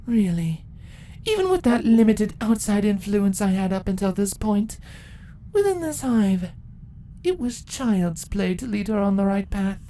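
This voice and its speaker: A woman voicing an ancient changeling empress in a fantasy story, a calm, condescending and menacing villain who speaks deliberately. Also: mid-range voice, voice pushed up, natural voice.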